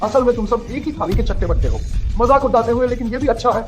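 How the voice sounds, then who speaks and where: A man's voice: very high voice, expressive, fast talker, faint music behind. A man voicing a wronged young man who speaks with anger and contempt in a dubbed drama. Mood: furious. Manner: angry, contemptuous. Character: furious wronged young man seeking revenge.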